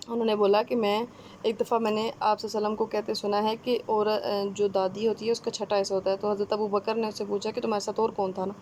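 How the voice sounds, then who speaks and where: A woman with a Pakistani Urdu accent giving a conversational exam-prep lecture, often pausing with fillers and checking-in tags. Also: on the high side, a little mellow, a little hiss or hum. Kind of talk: explanatory lecture.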